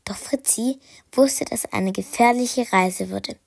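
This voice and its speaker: A woman reading a children's story aloud, slowly and haltingly, correcting herself and sometimes whispering. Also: on the high side, gravelly, no room sound, studio quality. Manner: slow, halting, self-correcting, partly whispered.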